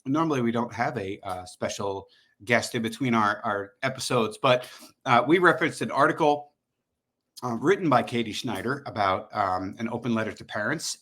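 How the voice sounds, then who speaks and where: A man's voice: medium pitch, pushed and bright. A middle-aged man hosting a podcast, chatting in a jokey, rambling way. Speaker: podcast host. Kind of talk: casual podcast chat.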